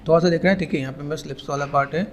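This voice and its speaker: A man giving a casual, repetitive software tutorial, pointing things out step by step. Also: a little high, racing, a little hiss or hum. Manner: repetitive, keeps saying "here" and "okay". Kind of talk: casual screen-recorded tutorial.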